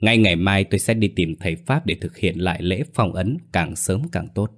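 A man's voice: low-pitched, normal speed, fairly bright tone. A man voicing a domineering older village elder who barks orders in an audio story. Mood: scheming. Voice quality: barking commands.

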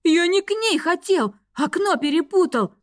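A woman's voice: very high-pitched, lively intonation, normal speed, darkish tone, no echo, studio quality, pitched above the performer's own voice. A woman voicing a frightened young male student who wails and pleads. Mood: panicked wailing. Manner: wailing, pleading. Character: panicky young male student caught climbing in.

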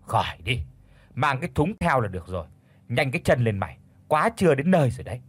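A shrill, bossy old village wife who nags and scolds , played by a male storyteller. Husky and lively, recorded dry and close. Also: moderate pace, no room sound. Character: shrewish old wife of a rich villager, loud and pushy.

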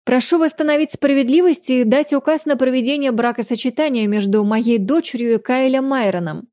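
A woman's voice: high-pitched, fairly quick, mellow, no room sound, clean studio sound, pitched above the performer's own voice, close to an everyday voice. A woman voicing a stout, furious noblewoman who shrieks in indignation, breathless with rage, in an audiobook. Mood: pompous.

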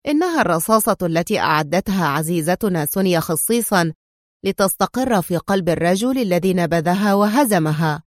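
A woman voicing a cold Sicilian crime lord who speaks calmly with biting sarcasm. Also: lowish voice, a little fast, no room sound, clean studio sound, natural voice. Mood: calm mocking. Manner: calm, sarcastic.

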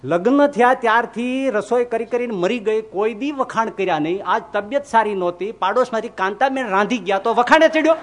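A man voicing an exasperated older mother who loudly scolds her son for never praising her cooking. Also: sits high, brisk, hardly any pauses, close to an everyday voice.

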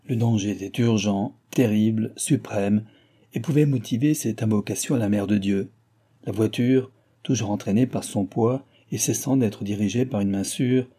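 A man reading a classic novel aloud as an audiobook narrator, in a steady dramatic way. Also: lowish voice, breathy edge. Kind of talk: scripted narration.

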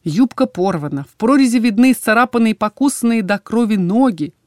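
A woman reading a first-person fantasy audiobook with expressive, dramatic storytelling. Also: a little high, a little fast, dry recording, studio quality. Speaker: audiobook narrator.

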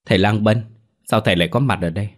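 A man's voice: lowish voice, fast, close to an everyday voice. A man voicing an earnest, tearful young orphan woman in a spoken storybook.

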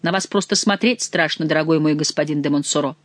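A woman's voice: sits low, fast talker, no room sound, close to an everyday voice. Woman voicing a young male nobleman, ironic, mock-polite, teasing, audiobook, dry recording. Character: mocking, cool-headed young male nobleman. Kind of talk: audiobook character reading.

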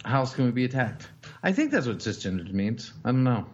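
A young man hosts a podcast in loose, casual chat, rambling and swearing as he goes, his words padded with fillers. His voice sits in an ordinary middle pitch. The recording sounds a little dull and lo-fi. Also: big pitch swings, fairly quick. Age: young adult. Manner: rambling, profane, lots of fillers. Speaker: podcast host.

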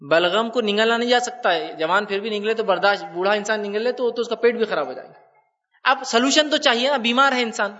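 A man giving an animated religious lecture, repeating his points and asking listeners rhetorical questions. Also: sits high, far from the mic, lo-fi sound. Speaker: Islamic lecturer.

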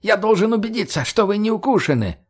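A man voicing a jumpy, shrill middle-aged man who squeals commands at strangers, in an audiobook. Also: big pitch swings, quick pace. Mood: shrill, nervous. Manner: shrill, squealing under strain.

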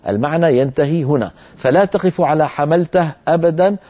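Syrian man teaching Quran recitation, mellow voice. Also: fairly high pitch. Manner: demonstrates letter sounds slowly and syllable by syllable. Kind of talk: televised Quran recitation lesson. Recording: muffled broadcast audio.

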